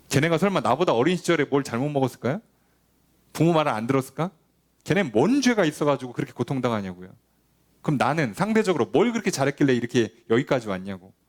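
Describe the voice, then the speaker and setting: This pastor's medium-pitched voice is animated and fast as he runs a Bible study. He engages the congregation in conversation, quizzes them, and dramatizes dialogue between God and people.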